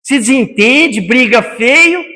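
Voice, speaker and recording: Speaking with an extremely high, pushed and bright voice, this Brazilian Portuguese-accented man delivers a spiritist talk slowly and with lively intonation. He calls listeners brothers, asks plenty of rhetorical questions, and the meeting hall echoes with long reverb.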